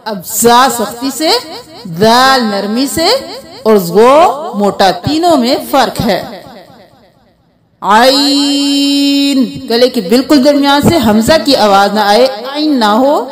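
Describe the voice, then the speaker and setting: High-voiced woman teaching letter sounds. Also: lively intonation. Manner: drawn-out letter sounds repeated for learners; patient step-by-step instruction. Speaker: Quran reading teacher. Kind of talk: slow Noorani Qaida letter lesson.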